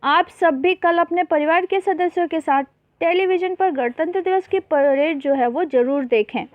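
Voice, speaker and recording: In a dry, tinny recording that sounds like a phone voice-over, a woman with an extremely high pitch speaks at a moderate pace. She teaches young children a worksheet lesson with patience, speaking Hindi mixed with English terms and often calling them beta.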